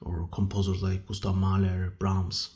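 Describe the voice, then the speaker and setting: A man from Azerbaijan with an Azerbaijani accent, speaking as an interview guest in casual, halting English and searching for words. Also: deep voice, completely flat delivery, mellow. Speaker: guest, musician and conductor.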